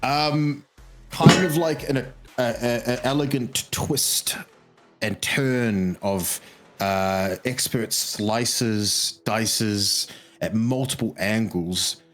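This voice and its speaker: A man's voice: mid-range voice, drawn-out words, soft background music. A man playing a tabletop game, describing his character's moves and hunting for words as he goes. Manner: hesitant, searching for words. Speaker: player.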